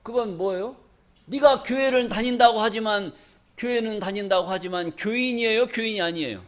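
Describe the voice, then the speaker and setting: In a voice that sits high and at a moderate pace, a man preaches a sermon in church, folksy and emphatic, frequently asking the congregation questions for them to answer.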